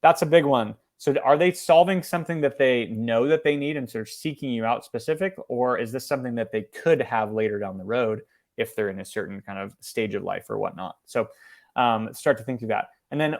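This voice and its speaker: A man walks through a business marketing lesson at a quick, energetic clip. He talks casually, full of fillers and restarts, with a voice of middling pitch. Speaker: marketing presenter. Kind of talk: webinar presentation.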